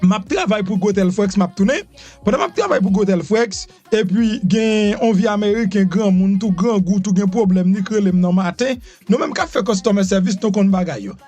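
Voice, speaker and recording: A Haitian man with a Haitian accent giving animated immigration news commentary, repeating himself and asking rhetorical questions. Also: high voice, normal speed, soft background music. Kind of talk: news commentary mixing Creole, French and English.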